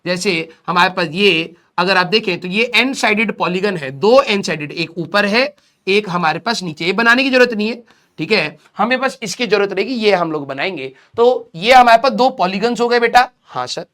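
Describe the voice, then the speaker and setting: A young man teaching a recorded physics lecture with a sore throat, speaking slowly, repeating key terms and asking questions he then answers himself, slipping English phrases into his talk. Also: high voice, expressive, fairly bright tone. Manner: mixes English phrases into Hindi.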